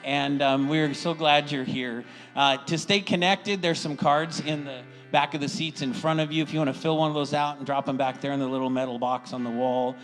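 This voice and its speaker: A middle-aged American pastor welcomes his congregation in a slightly high, fairly bright voice, talking fairly quickly with even intonation and hardly a pause. He delivers informal sermon material and church announcements in a folksy, encouraging way, often checking in with them. Faint music runs behind, and the audio is poor.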